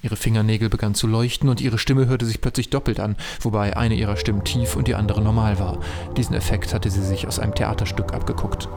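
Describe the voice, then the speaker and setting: A man narrating a comic fan audio drama in a dry, deadpan way. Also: lowish voice, fast, gravelly, over music.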